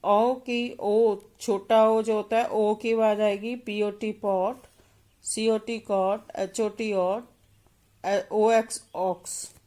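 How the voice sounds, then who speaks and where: Woman, teacher, phonics lesson, letter-by-letter spelling, very unhurried, mid pitch. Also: level tone, warm tone. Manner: spells out letters then says each word slowly and deliberately.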